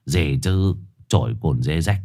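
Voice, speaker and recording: A man's voice: very deep voice, expressive, unhurried, a little mellow, pitched below the performer's own voice, heavily acted. A man voicing a swaggering male village exorcist who teases coarsely and mockingly. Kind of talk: storytelling voice acting.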